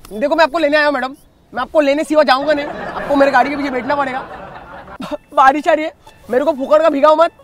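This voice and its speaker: Brief: high-voiced young male prankster, teasing and pushy, outdoors in rain. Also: steady tone, quick pace, fairly bright tone, faint music behind, a faint crowd. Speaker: prank vlogger. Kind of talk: street prank chat. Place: outdoors on a rainy street. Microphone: hidden camera mic.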